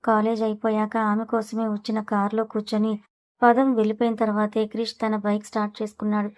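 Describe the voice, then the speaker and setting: A woman narrating a serialized novel as an audio storybook, in a brisk, even storytelling manner. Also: mid-range voice.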